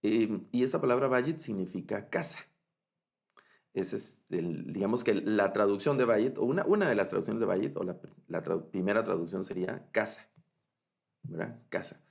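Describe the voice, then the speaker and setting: A man with a low voice gives an online master class in Bible Hebrew. He explains step by step, with fillers and restarts, and often checks that his students follow. His voice has a gravelly, creaky edge. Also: animated, normal speed, a little mellow.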